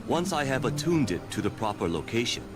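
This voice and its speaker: An actor playing a polite, helpful pupil of a mystic in a video game, speaking formally and courteously. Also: male voice, medium pitch, big pitch swings, brisk, music in the background, lightly acted.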